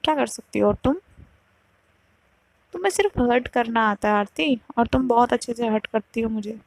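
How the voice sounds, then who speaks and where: A woman's voice: fairly high pitch, moderate pace, no room sound. A woman voicing a young woman who is tired and bitterly cold in a storytime love drama. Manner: curt, pleading then cutting.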